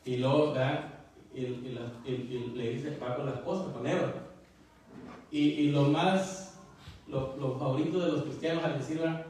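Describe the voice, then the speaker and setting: A man's voice: mid-range voice, steady tone, normal speed, darkish tone, slight background noise. A man preaching a casual sermon, often repeating little asides to his listeners and restarting his words. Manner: folksy, repeats "¿verdad?" and "hermano". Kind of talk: Spanish sermon. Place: church sanctuary. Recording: echoey church from far off.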